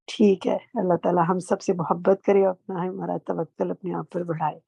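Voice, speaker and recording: A woman teaching a Quran translation class online, calling on students and gently correcting their pronunciation. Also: lowish voice, flat delivery, vocal fry, slightly rough, no room sound, highs cut off.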